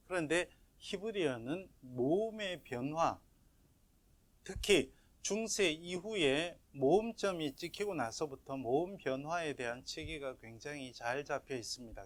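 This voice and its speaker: Middle-aged guy teaching a grammar class online, kinda high voice, patient, keeps asking if you got it. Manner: lively, patient teacher, checks in with listeners. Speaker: professor teaching Biblical Hebrew.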